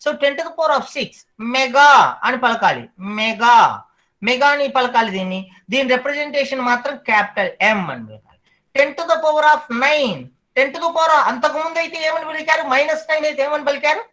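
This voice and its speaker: Male teacher, high voice, online class, repeats each term slowly for students. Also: pushed and bright, rough recording.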